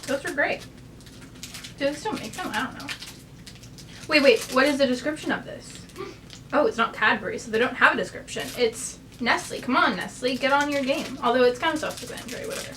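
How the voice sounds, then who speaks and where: Lying in bed in her bedroom, a young adult woman from the United States vlogs casually, rambling with plenty of fillers. Her voice sits high and sounds expressive and brisk, though it's recorded from a distance with background noise.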